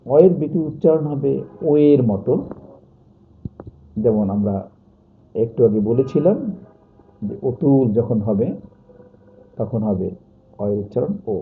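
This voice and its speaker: A male teacher giving a pronunciation lesson, slowly dictating and repeating example words. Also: medium pitch. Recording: tinny phone-like sound.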